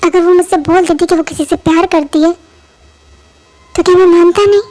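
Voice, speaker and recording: A stern, wounded father who scolds coldly and harshly, voiced by a woman. The voice sits very high. It is a fan-made audio drama dub. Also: fairly even intonation, fairly quick, a little mellow. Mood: bitter.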